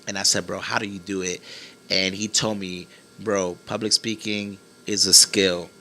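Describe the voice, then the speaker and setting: A young man sits at a desk mic in a graffiti-walled studio and talks in an earnest, reflective way. His voice is a little low but very bright and crisp. His sentences often drift off into soft murmurs. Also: flat delivery, normal speed, slight background noise. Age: 20s. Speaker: podcast guest, entrepreneur. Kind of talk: casual chat.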